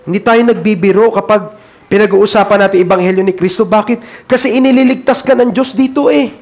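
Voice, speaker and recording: A Filipino man preaching a sermon in a church, emphatic and repetitive, swinging between loud urgency and quiet earnestness. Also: high-pitched, fairly quick. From Philippines.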